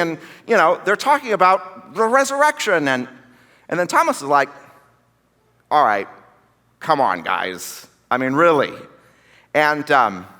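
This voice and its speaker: A man's voice: fairly high pitch, bright, forceful tone, long reverb tail. A man preaching a casual, conversational sermon, acting out the voices of the people in the story. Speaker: pastor. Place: church sanctuary.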